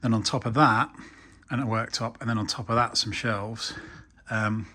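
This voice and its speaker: A man's voice: lowish voice, fairly even intonation, moderate pace, pushed and bright. A man talking casually to camera as a DIY vlogger, chatty and self-deprecating.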